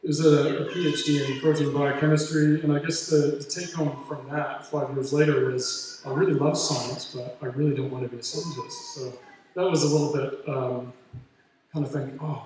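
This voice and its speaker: The graduation speaker, a Canadian man in his late thirties to early forties, sounds somewhat high yet darkish, keeping his intonation fairly even at a normal speed while hesitantly telling a self-effacing personal story to motivate the audience. The large hall is packed, and the far-off recording carries strong echo and faint noise.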